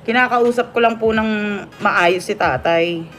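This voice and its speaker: A woman's voice: mid-range voice, measured pace, fairly bright tone, a little hiss or hum. A woman hosting a casual live stream, reading viewer comments aloud and laughing often. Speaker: livestream vlogger reading comments. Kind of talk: casual livestream chat. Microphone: phone or webcam on a live stream.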